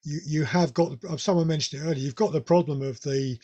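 A man's voice: on the high side, steady tone, quick pace, dark tone, muffled recording. A man with a Northern English accent hosting a radio club meeting, talking casually with many restarts and fillers. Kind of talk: casual club talk over video call.

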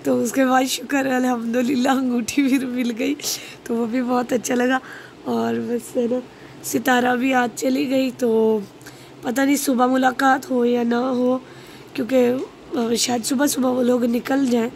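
A young woman from Pakistan with a hoarse voice, talking casually to camera in a family vlog. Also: fairly high pitch, little pitch movement, unhurried, a little mellow, slight background noise. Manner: chatty, repeats pious phrases. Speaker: vlogger.

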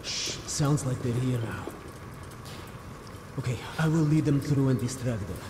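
Man as guarded Soviet double agent, businesslike, mid-pitched, game acting, noisy ambience. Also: measured pace, echoey room, natural voice. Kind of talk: video game drama acting.

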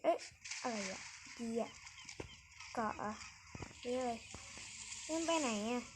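A woman's voice: on the high side, unhurried, noisy background. A female game channel host talking through her play in casual, chatty commentary and exclaiming at what happens on screen.

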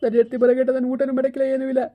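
A man's voice: very high-pitched, level tone, racing. A man playing a tearful, begging husband. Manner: pleading, tearful, repetitive. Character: desperate young husband begging to win back wife. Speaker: estranged husband in a village comedy skit. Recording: tinny phone-like sound.

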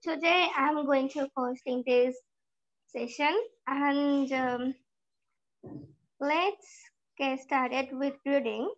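A teenage girl with a Bangladeshi accent hosts an online group reading over a video call. Her high voice is steady in tone, and she speaks slowly with frequent pauses. The video-call audio sounds dull.

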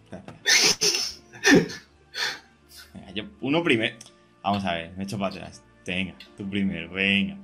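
A young man, hosting casual co-op gameplay chat, excitable and jokey, talking through every move. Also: low voice, moderate pace, long pauses, soft background music. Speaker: gaming podcast host.

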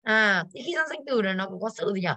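A woman's voice: mid-range voice, lively intonation, fast talker, sharp tone. A woman English teacher going over exercises in an online class, tired and coughing now and then, who keeps putting questions to her students.

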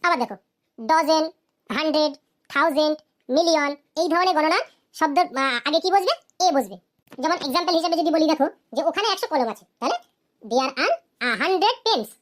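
A woman teaching a cartoon grammar lesson, asking questions and answering them herself, and saying her English examples slowly. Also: high-pitched, lively intonation.

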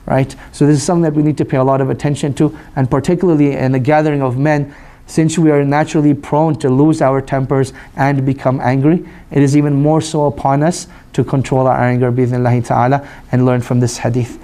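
A hoarse man with a voice still recovering, teaching a religious study circle in a relaxed, conversational way and taking questions. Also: mid-range voice, fairly quick, few pauses. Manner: relaxed, conversational, frequent "you know". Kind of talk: religious lecture with Q&A.

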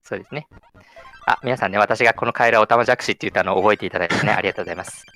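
A man commentating a live game run in a chatty way, often tagging his sentences with a soft "ne". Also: lowish voice, rapid-fire, faint music behind. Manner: chatty, lots of sentence-final "ne" tags. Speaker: speedrun commentator.

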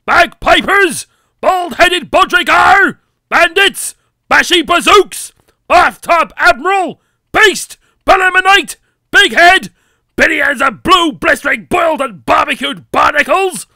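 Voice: very high voice, animated, slow, pushed and bright, dry recording, clean studio sound, full character voice. A performer voicing an irascible bearded old sea captain, bellowing a theatrical tirade of insults. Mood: furious. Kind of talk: impression reeling off a list of shouted insults. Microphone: condenser mic with pop filter.

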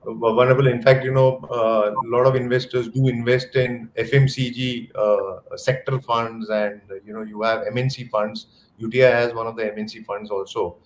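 A middle-aged man with an Indian English accent, hosting a video call and asking questions in a halting way full of fillers. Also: mid-range voice, flat delivery, echoey room, slight background noise, rough recording. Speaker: host. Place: indoor room.

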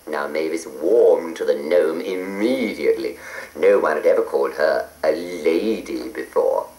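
A woman reading a children's story aloud in an expressive way, on an old cassette recording. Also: very deep voice, unhurried, reverberant, rough recording. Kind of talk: scripted children's story narration.

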